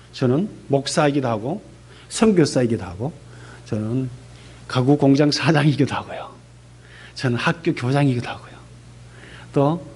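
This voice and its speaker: With a medium pitch and a breathy edge, a man in his fifties who serves as a missionary pastor shares an animated testimony sermon at a church service. He asks the congregation questions as he goes.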